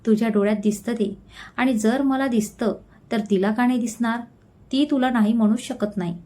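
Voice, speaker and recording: A woman's voice: on the high side, moderate pace, mellow, natural voice. A woman voicing a young male roommate who teases and reassures his friend. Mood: teasing. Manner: teasing, reassuring. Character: young man, teasing, wise roommate.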